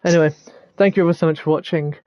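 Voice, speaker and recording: A young man with a slightly high voice hosts a casual let's-play. He reads game text aloud and trips over words now and then. The sound is close and dry, a little dull and lo-fi. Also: steady tone, rapid-fire, mellow, no room sound. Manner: stumbles over words when reading aloud. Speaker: gaming video host.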